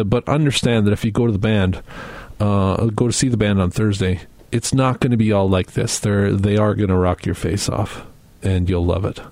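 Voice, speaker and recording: A man's voice: on the low side, darkish tone, no room sound. A man hosting a folk radio show, talking casually with lots of fillers and restarts. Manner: rambling, many filler words and restarts. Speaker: radio host. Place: radio studio.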